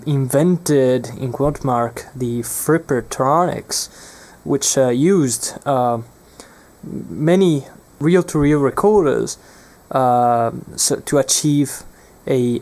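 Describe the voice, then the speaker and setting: Presenting an unplanned hands-on electronics demo, a young man hesitates and gropes for his words, his medium-pitched voice carrying a darkish tone.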